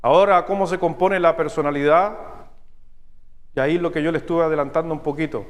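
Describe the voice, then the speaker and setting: A man with a Chilean accent preaching a sermon as pastor, teaching step by step and checking in with his listeners through quick questions. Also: fairly high pitch, steady tone, big-room sound. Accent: Chilean Spanish. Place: church sanctuary.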